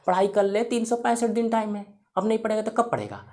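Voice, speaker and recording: A man's voice: sits high, fast talker, darkish tone, pitched above the performer's own voice, lightly acted. A man voicing a worried, patient mother who keeps pleading with her son to study, in a repetitive coaxing way.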